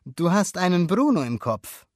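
A bold, bossy boy from a storybook, as a man reading aloud puts him on. He talks in a brash, eager way, his voice pushed high and swinging lively up and down. The sound is dry and close. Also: normal speed, no room sound. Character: cocky bold adventurous boy.

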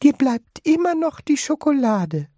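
A man voicing an excitable old grandmother in a storybook, in a high, fluttery voice. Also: measured pace, no echo, clean studio sound, exaggerated voice. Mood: reassuring.

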